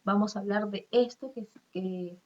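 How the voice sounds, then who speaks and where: A woman's voice: medium pitch, fairly even intonation, normal speed, a little mellow, muffled recording. A woman teacher, explaining step by step in a recorded class lesson and checking that her students follow.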